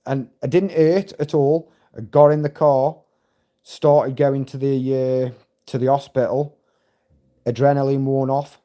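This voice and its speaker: A man's voice: mid-range voice, steady tone, a little slow, warm tone. A middle-aged man, chatting casually on a live stream, rambling and swearing freely as he tells stories. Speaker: livestream host.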